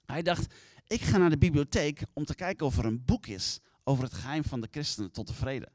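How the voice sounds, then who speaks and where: Man, sermon storytelling, fairly high voice, dry close sound, acts out quotes. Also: fairly bright tone, no echo. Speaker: preacher.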